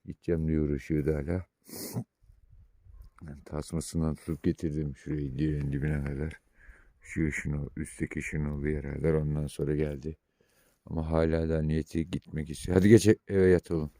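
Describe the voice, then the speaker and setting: A shepherd films himself outdoors at night and talks casually to his viewers in a very deep, dark voice. He swings between calm updates and loud, fond calls to his dog. The phone-camera sound is dry and close. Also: fairly quick, no echo. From Turkey. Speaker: shepherd vlogger. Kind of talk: casual vlog talk to viewers.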